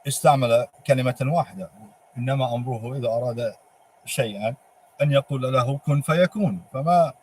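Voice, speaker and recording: A man with a Palestinian Arabic accent giving an informal religious monologue, halting and posing emphatic rhetorical questions. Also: mid-range voice, darkish tone. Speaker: religious speaker. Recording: clearly noisy ambient background.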